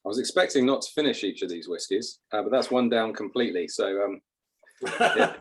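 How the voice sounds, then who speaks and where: A man talking through a tasting in a measured, descriptive way, and telling a deadpan tall tale. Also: on the low side, slight background noise. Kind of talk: casual tasting chat.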